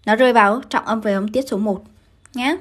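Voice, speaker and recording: Vietnamese woman, English teacher on a livestream, high voice, brisk questioning delivery. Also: steady tone. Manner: brisk, keeps asking students to confirm. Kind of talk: live-streamed grammar lesson.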